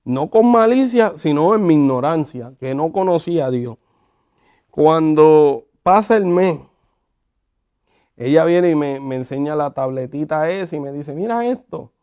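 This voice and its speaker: A man telling his conversion story in a conversational, animated way, acting out the quotes. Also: on the high side, measured pace, smooth. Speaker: guest sharing his testimony. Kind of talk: conversational testimony.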